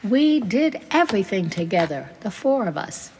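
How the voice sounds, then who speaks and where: A woman voicing a grieving older immigrant farm woman, telling old family memories in a gentle, tearful way. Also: medium pitch, very animated, moderate pace, big-room sound, slight background noise, natural voice. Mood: wistful.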